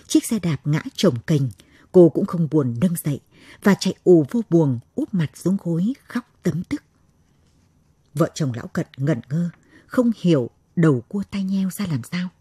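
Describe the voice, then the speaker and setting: Husky, low-voiced woman storyteller. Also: animated, a little slow, dark tone, no room sound. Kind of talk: scripted story narration.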